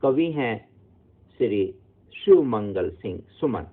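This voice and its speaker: A man teaching a poetry lesson to children, explaining words slowly and patiently. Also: lowish voice, animated, breathy edge. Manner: slow sing-song recitation. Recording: phone-like narrow sound.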